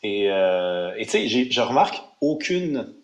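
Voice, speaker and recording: A man's voice: on the low side, very animated, a little slow, roomy sound. Emphatic Quebec man on talk radio. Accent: Quebec French. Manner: emphatic, with many restarts and fillers. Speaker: radio commentator. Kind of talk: opinionated radio chat.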